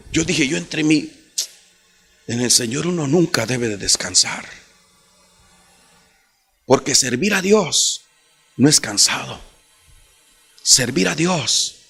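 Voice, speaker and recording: A man preaching a sermon in a church, his voice rising to impassioned near-shouts. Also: medium pitch, lively intonation, slow, vocal fry, long pauses, breathy edge. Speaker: pastor.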